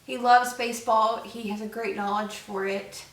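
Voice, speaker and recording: Captured by a distant mic in an echoing room, a young woman co-hosting a vlog rambles through casual chat full of fillers. Her voice is on the high side and fairly bright, with fairly even intonation and a moderate pace.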